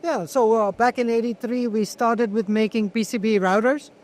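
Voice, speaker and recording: A man being interviewed as a manufacturer, explaining products conversationally in a halting way, with repeated words. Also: high-pitched, steady tone. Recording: clear ambient noise on location.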